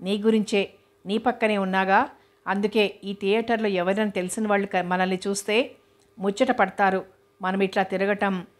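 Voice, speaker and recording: A woman voicing a shy, stubborn young woman in love, demure but quick with a sharp reply, in an audiobook. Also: medium pitch, level tone, lightly acted. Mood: wary. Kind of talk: audiobook character reading.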